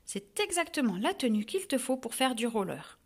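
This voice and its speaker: A woman reading a children's storybook, voicing a friendly young woman with a soft, gentle manner. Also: fairly high pitch, very animated, moderate pace, breathy edge, full character voice.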